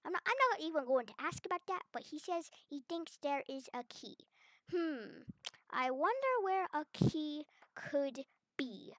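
A woman hosting a gameplay video, chatty and excitable, talking to herself as she explores. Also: sits high, measured pace. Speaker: gaming video host. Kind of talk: playful gameplay commentary.

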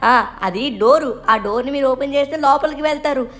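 A woman's voice: high voice, a little fast, a bit bright. A woman voicing a small frightened boy who keeps begging adults for help, in a voiced game machinima story. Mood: anxious. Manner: pleading, anxious chatter.

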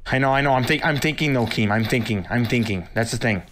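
A man streaming his gambling and talking excitedly, swearing often and repeating himself. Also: medium pitch, fast, a little hiss or hum. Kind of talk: live-stream casual chat.

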